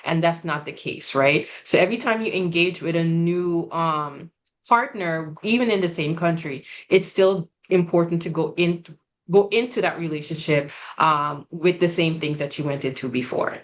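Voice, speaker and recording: A woman speaks on a video call webinar panel in a fairly low voice. She talks in a measured, earnest way, pausing with "um" and checking in with "right?". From Guyana. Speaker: regional representative.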